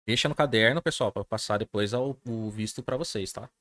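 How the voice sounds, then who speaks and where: A man's voice: fairly low pitch, fairly quick, fairly bright tone, dry recording, studio quality. A man with a Brazilian Portuguese accent teaching an English class online in an informal way, often checking in with his students. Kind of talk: live online class lecture.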